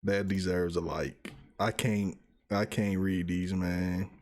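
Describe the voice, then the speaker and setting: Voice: deep voice, little pitch movement, slow pace, darkish tone. A streamer reacting live in casual talk, laughing to the point of tears, exclamatory and disbelieving, breaking off mid-sentence.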